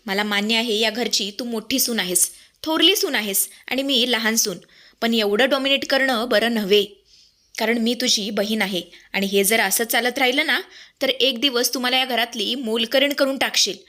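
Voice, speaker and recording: Arrogant young wife voiced by a woman, haughty, rude, high, bright voice. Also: moderate pace. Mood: defiant.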